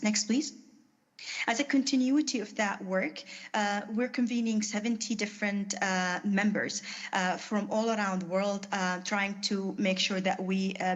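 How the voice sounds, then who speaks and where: A woman gives a conference panel presentation at a middle pitch. She speaks haltingly and fills her pauses with frequent "uh" and "um". The audio sounds dull and lo-fi. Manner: halting, many fillers.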